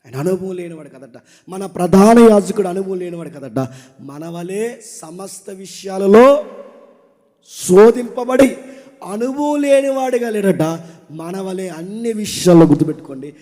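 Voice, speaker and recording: A male preacher delivers a sermon in a high but mellow voice. He drops to hushed phrases, then rises to loud, shouted emphasis. His voice rings with the long reverb of a large hall. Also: lively intonation, unhurried. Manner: swings from quiet to shouted emphasis. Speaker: pastor.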